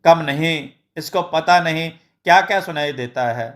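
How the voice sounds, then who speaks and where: A man's voice: a little high, normal speed, fairly bright tone, natural voice. Man voicing a scolding village mother. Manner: scolding and sarcastic.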